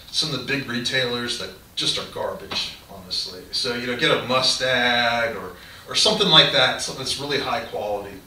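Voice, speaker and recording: A man's voice: mid-range voice, distant mic. A middle-aged man gives casual, rambling how-to advice straight to the camera in a cluttered garage. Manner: relaxed, rambling, gestures with hands while explaining. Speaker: fishing channel host. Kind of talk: casual instructional talk to camera. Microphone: camera mic from a few feet away. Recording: roomy garage echo, off-mic, faint hiss.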